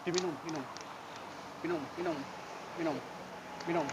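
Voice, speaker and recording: Talking at a normal speed in a fairly high voice, a volunteer gently coaxes a homeless man on camera, repeating calming phrases again and again. It's filmed street outreach at a roadside near a market, and loud traffic and insects fill the background.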